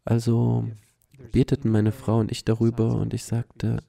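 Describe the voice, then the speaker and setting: Earnest male storyteller, gravelly and very dark, personal testimony. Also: mid-range voice, monotone, moderate pace. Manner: earnest, frequent filler "ja". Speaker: cancer survivor sharing his story.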